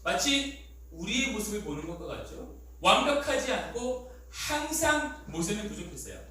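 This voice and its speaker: An animated man preaching to middle schoolers and quizzing his listeners, his high, bright voice jumping widely. He is recorded from off the microphone in a very echoey church hall. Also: normal speed, distant mic, slight background noise. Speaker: youth pastor. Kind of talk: lively sermon for middle schoolers.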